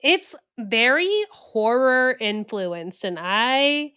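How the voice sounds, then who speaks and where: A woman's voice: a little high, animated, drawn-out words, pushed and bright, smooth. A woman co-hosting a casual true crime podcast, a little tired, chatty and laughing often. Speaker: podcast co-host.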